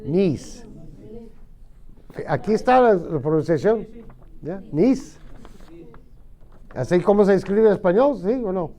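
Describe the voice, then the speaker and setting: A middle-aged male teacher drills vocabulary in a classroom, taking his time over every word. His voice sits a little high for a man but sounds soft and mellow, and he leads patient call-and-repeat practice. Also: animated. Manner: slow, patient, repeats words for students to echo. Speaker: ESL teacher.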